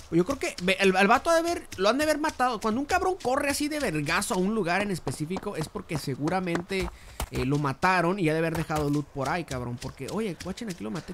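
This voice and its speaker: A young man with a Mexican accent giving crude, slang-heavy commentary while playing a game, breaking into sudden shouts. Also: fairly high pitch, creaky, noisy background. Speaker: gamer. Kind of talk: profane gameplay commentary.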